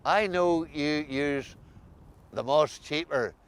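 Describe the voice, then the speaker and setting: A man's voice: on the high side, slow pace, slight background noise. A man with an Ulster Scots accent, asking questions as the interviewer in a casual chat.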